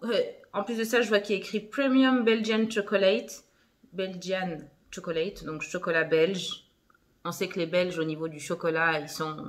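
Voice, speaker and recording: Chatty young woman doing a haul vid at home, mid pitch, bit of hiss. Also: a bit bright. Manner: chatty, filler-heavy, giggly asides. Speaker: vlogger. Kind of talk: casual haul video.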